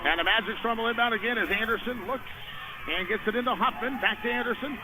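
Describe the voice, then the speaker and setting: Over a noisy backdrop, a man with a very high voice rattles off fast play-by-play for a high school basketball game played indoors. His live radio commentary comes in short, running descriptions.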